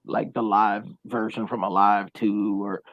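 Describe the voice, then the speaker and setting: A man co-hosting a casual podcast, talking loosely and profanely with animated storytelling. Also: lowish voice, a little slow, dry recording. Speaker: podcast co-host. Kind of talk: casual chat. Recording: dull lo-fi sound.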